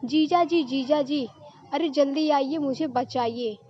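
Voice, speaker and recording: Woman reading a teasing giggly young woman, high-pitched, storybook, muffled lo-fi recording. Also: slow, dark tone. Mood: crying for help.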